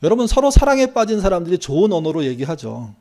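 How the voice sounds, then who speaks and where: Lively-voiced male pastor preaching. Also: high-pitched, fast talker. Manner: conversational preaching with acted-out quotes. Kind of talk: sermon.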